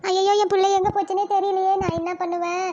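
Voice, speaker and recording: A woman's voice: flat delivery, fast, mellow, lo-fi sound. A woman voicing a fretful young village mother. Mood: frightened. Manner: fretful, pleading, high-pitched. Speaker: cartoon voice actor.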